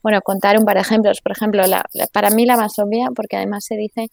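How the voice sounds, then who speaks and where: Woman guest, bit of vocal fry, talks on and on w restarts, dry close sound. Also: mid-range voice, flat delivery, fast talker, a little mellow, no room sound. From Spain. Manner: explains at length with frequent restarts and tag questions. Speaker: interview guest, economist and author. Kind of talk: conversational interview.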